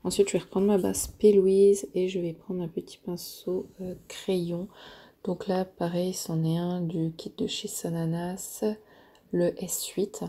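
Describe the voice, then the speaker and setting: A woman narrating a makeup tutorial, hesitant and full of filler pauses, often dropping to a near-whisper while she works. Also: on the low side, flat delivery, mellow, husky. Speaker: beauty vlogger.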